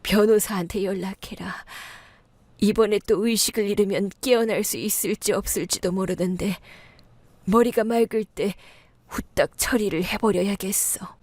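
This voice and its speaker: A woman's voice: medium pitch, steady tone, normal speed, a little mellow, no echo, natural voice. A woman voicing a frail, dying old mother-in-law who speaks weakly and partly in a whisper, in a storybook radio tale.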